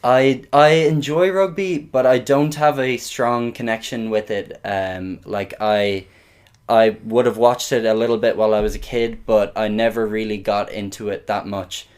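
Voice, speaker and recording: Smooth low-voiced young west of Ireland man. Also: steady tone, normal speed, a little mellow. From Galway, west of Ireland. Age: young adult. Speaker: interview guest, exchange student. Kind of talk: casual podcast conversation.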